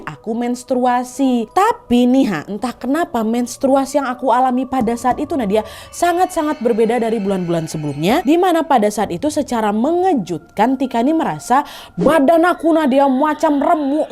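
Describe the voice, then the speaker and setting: A woman host narrates a horror story in a casual, chatty way, with plenty of expression. Her voice sits fairly high and she keeps the telling lively and conversational. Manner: chatty, expressive, addresses listeners as wak.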